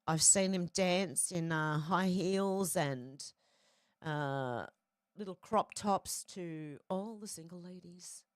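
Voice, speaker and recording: An Irish woman hosts an online news commentary show, reading posts aloud and reacting to them chattily and conversationally. Her voice is on the low side and slow, recorded dry with studio quality.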